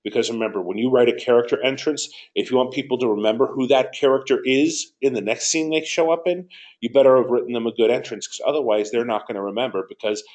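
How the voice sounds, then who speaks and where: A man's voice: medium pitch, steady tone, fast, darkish tone. Man, course director, mid-range voice, conversational teaching Q&A, repeats key points. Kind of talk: live Q&A teaching session.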